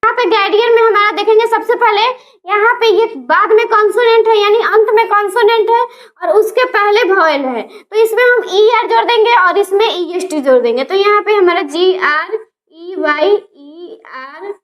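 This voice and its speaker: A woman teaching a grammar lesson, spelling words out letter by letter and slowing down to sound them out. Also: very high voice.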